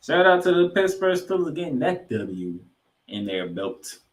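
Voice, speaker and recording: Unhurried and on the higher side, with big pitch swings, this man hosts a sports podcast. He delivers recap commentary packed with stats, stressing names and numbers, in a room that echoes noticeably.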